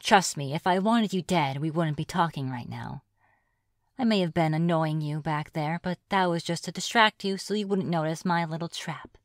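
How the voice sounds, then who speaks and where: In a low voice, recorded studio-clean with no room sound, a woman lightly acts as a reclusive, flirtatious witch of the deep woods in an ASMR fantasy roleplay. She is smug and menacing, teasing with playful mockery and drawn-out taunts.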